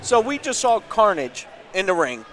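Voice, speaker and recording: A man doing live wrestling commentary with an excitable, emphatic delivery. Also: high-pitched, moderate pace, a crowd in the background. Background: music.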